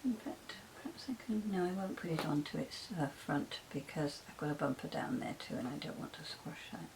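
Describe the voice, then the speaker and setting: A woman with a low-sitting voice hosts a casual crafting tutorial, talking fairly quickly against a noisy background. Soft-spoken and chatty, she says "um" a lot and often drops to a near whisper as she works.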